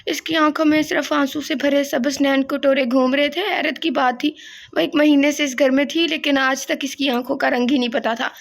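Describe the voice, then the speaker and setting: A woman narrating a romance audio novel, reading at a steady pace with small slips and restarts. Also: high-pitched, normal speed, gravelly.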